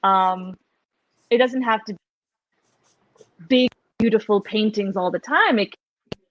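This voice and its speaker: Woman on a choppy video call cutting out. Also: mid-range voice. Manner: slow, hesitant, thoughtful, with soft laughs. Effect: video call audio breaking up and cutting out. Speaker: panel guest. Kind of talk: casual discussion on a video call. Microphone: headphone mic on a video call. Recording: muffled, dry video call audio.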